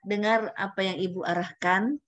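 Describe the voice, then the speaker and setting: Woman mentor for an online training group, chatty and full of tag questions; mid-pitched, speaking to her camera. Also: fairly even intonation, moderate pace, fairly bright tone. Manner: chatty, tags sentences with "ya". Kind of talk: online guidance session. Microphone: camera at a computer.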